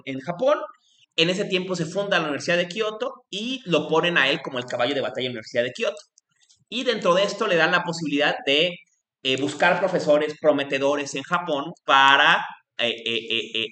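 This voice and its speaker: Animated man lecturing in an echoey room. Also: fairly high pitch. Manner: discursive, frequent "¿no?" tags and restarts, animated quoted exclamations. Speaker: philosophy lecturer. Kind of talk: university lecture.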